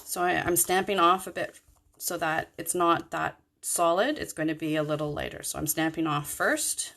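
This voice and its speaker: A woman with a deep, fairly bright voice talks at a normal speed through a casual card-making tutorial. She rambles, corrects herself as she goes, and has the hiccups.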